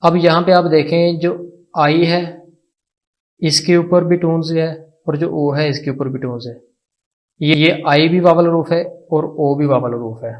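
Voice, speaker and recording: A man's voice: a little high, steady tone. A man with a Pakistani Urdu accent teaching an online language lesson, patient and repeating each word for practice. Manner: slow, patient, repeats words for drill.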